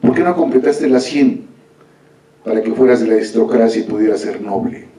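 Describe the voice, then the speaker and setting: A man's voice: fairly low pitch, fairly quick, warm tone, close to an everyday voice. A man voicing an angry, exasperated king. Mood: indignant. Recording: echoey hall from far off.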